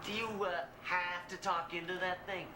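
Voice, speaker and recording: A man's voice: high voice, little pitch movement, moderate pace, lightly acted. A man voicing a nervous bug being interrogated by thugs in a 1990s video game ad skit. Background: loud music.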